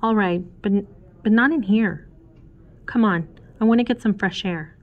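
A high, breathy giant princess with a gentle, pleading manner. Her voice sits far above the storyteller's own deep register, with a tender, fretful warmth. The sound is a touch dull and muffled. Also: normal speed. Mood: shaken. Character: giant young princess, tender, anxious lover.

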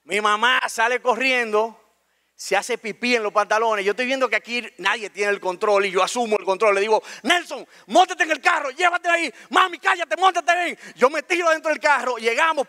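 A man with a Dominican accent telling a personal story on stage, colloquial and animated, acting out scenes. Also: extremely high pitch, brisk. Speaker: speaker. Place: stage in a talk venue.

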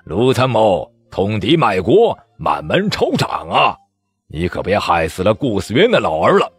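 A sneering court official in a wuxia audiobook, as a male narrator puts him on. He drawls a threat slowly and coldly in a husky voice. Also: on the low side, huge pitch swings, heavily acted. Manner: sneering, cold.

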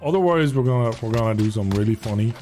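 A man's voice: mid-range voice, lively intonation, fast, dark tone, faint music behind. A man joking and laughing with friends during an online game. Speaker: gaming group member. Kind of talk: casual gaming banter.

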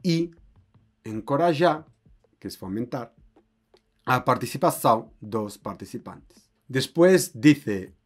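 Slow-talking man teaching Spanish. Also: mid-range voice, animated, husky. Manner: explains slowly, checks with "ok?". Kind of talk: online language lesson.

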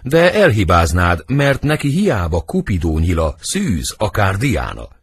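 A man reading the part of Romeo, a brooding lovesick young nobleman, in husky, lyrical verse for an audiobook. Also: huge pitch swings, dry recording, studio quality, full character voice. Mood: lovelorn. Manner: lyrical verse reading, wide swings in pitch.

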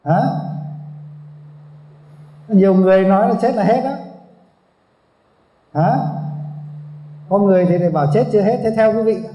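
A man's voice: high-pitched, normal speed, long pauses, dark tone, slight background noise. A man giving a Buddhist dharma talk to a seated audience, prodding them with questions and asking for a show of hands. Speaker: Buddhist monk teacher. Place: hall with audience. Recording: echoey hall, dull lo-fi sound.

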